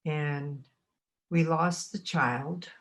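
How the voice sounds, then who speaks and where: Speaking low and with a steady tone, an eighty-something woman from Montana, United States, reminisces in an oral history interview. She takes her time, reflective, frequently stopping to find the right words.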